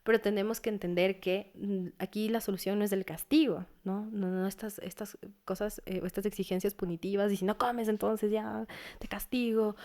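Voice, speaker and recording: A woman's voice: mid-range voice, a little mellow. Earnest woman psychologist giving advice. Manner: earnest, advising, acts out parent and teen voices. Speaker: psychologist guest. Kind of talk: casual interview talk.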